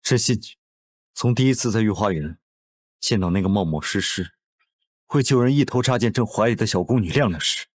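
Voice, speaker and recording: An actor playing an indulgent, commanding emperor in a costume drama, with stately, measured speech and a husky voice. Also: male voice, fairly low pitch, animated. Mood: tender, earnest. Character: indulgent, commanding emperor devoted to his consort.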